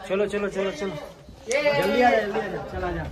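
A man vlogging casually on a phone camera around his office, hurrying people along excitedly. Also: high-pitched. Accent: Mumbai Hindi. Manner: excited, hurried urging. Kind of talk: casual vlog chat. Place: office building and street, crowded. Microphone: handheld phone camera. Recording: busy crowd noise behind.

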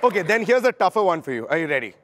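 A man from India hosting a talk show, playfully teasing his guest with quick jokes. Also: high voice, sing-song, over a noisy crowd, very noisy. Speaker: comedian host. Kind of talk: comic talk show banter.

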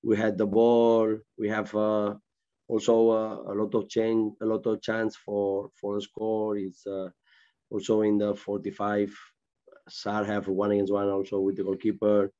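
A man in his forties, a football manager at a post-match press conference, answering in halting, searching English over a video call. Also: lowish voice, completely flat delivery, warm tone, dull audio. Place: press room with sponsor board.

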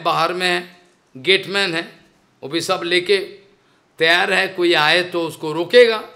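A man's voice: high-pitched, sharp tone. A man giving a devotional lecture, telling a story and explaining it step by step, repeating his phrases and slipping in English words. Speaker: spiritual teacher.

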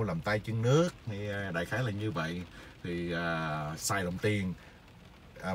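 A middle-aged man, telling stories in a casual, rambling monologue full of hesitant filler pauses. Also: deep voice, a little hiss or hum. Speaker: vlogger sharing stories.

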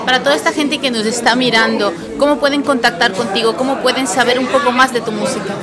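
A woman's voice: on the high side, fairly even intonation, fast, over a noisy crowd. A woman reporter interviewing guests in a small café venue, asking upbeat questions into a handheld mic.

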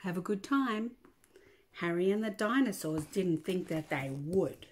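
Older lady reading a kids' picture book, voice bouncing all over, takes it slow. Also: on the low side. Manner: animated, slows down to talk about the pictures. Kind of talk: storybook read-aloud to children.

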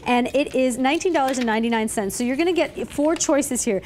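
A woman's voice: high-pitched, fast, a little mellow, a little hiss or hum. A woman presenting as a live home shopping host, with chatty, enthusiastic sales patter. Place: TV studio set dressed as a living room.

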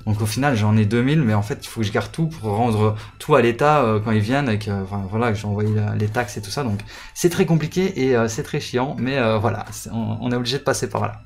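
A man's voice: on the low side, fast talker. A man, a gaming YouTuber chatting casually with his viewers in a hesitant way, full of fillers and repeated words.

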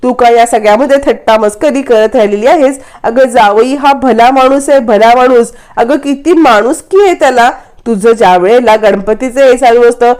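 A woman's voice: high voice, darkish tone, pitched above the performer's own voice, lightly acted. A woman narrator voicing an indignant middle-aged mother scolding her daughter in a raised, stern voice.

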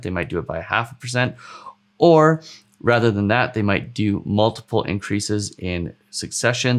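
A man in his thirties with a fairly low voice gives steady, earnest advice on mortgages straight to camera. He sits at a desk in a dim studio and explains patiently, like a practiced advisor. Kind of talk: explanatory video commentary. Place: dark studio set with purple backlight.

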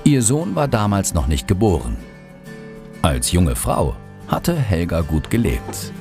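A man's voice: deep voice, huge pitch swings, unhurried, over music. A man reading scripted documentary narration as a studio voice-over.

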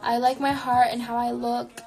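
A woman in her twenties chats casually on a live stream from a small, neon-lit bedroom, answering viewer questions in a reflective way and saying "like" constantly. Her fairly high voice is gravelly and a little mellow, with little pitch movement at a moderate pace. Soft music plays behind her, and a phone camera sits close to her face.

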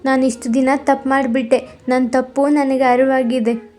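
A woman's voice: high voice, little pitch movement, normal speed, mellow, close to an everyday voice. A woman voicing a middle-aged stepmother in a cartoon story, pleading and apologetic. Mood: remorseful. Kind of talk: cartoon voice acting.

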